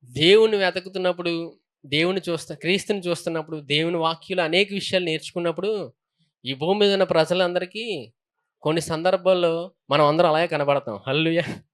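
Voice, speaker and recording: High-voiced pastor preaching. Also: male voice, steady tone, fairly quick, fairly bright tone. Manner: preaching with frequent hallelujahs and questions to the congregation. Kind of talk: sermon.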